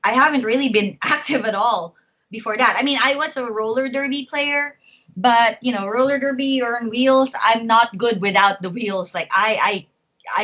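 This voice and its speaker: A woman's voice: a little high, a bit bright, rough recording. A woman in her forties from the Philippines, a wrestler chatting as an interview guest and laughing often between phrases. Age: 40s. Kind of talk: casual interview chat.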